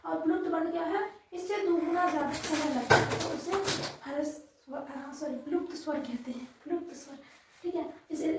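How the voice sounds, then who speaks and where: High-voiced woman teacher in an echoey room. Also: far from the mic. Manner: patient, repeats sounds slowly, frequent "theek hai" checks. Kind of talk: Hindi grammar lesson, explaining at a board.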